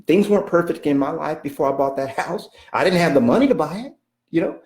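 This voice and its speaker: A man's voice: fairly high pitch, lively intonation, fast, a little mellow. Emphatic man coaching in an echoey room. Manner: emphatic and repetitive, stacks up "okay?" checks; preacherly, speaks of God and the Holy Spirit. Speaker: real estate coach. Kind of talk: motivational teaching talk.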